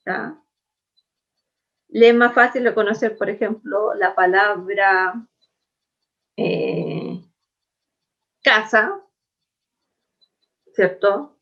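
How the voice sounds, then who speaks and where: A woman's voice: medium pitch, extremely slow, pauses often, fairly bright tone, highs cut off. A woman with a Chilean accent teaching a class, explaining in a conversational way and often checking that students follow. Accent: Chilean Spanish. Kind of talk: classroom lecture.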